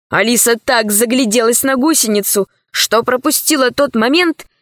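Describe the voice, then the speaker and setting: A woman narrating a children's adventure book in a calm, unhurried, clear reading voice. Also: on the high side, no room sound, clean studio sound. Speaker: storyteller.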